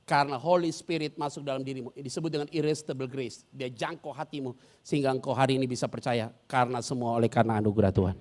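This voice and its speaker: A man's voice: medium pitch, fast. A male pastor preaching a sermon, telling stories with acted-out scenes, using casual slang and quizzing his congregation. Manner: animated storyteller who acts out scenes and quizzes the congregation.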